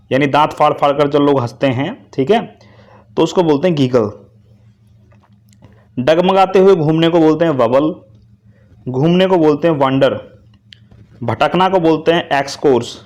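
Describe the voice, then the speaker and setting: A man teaching English vocabulary to students, speaking to them directly and asking them to repeat each answer. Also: a little high. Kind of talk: vocabulary lesson.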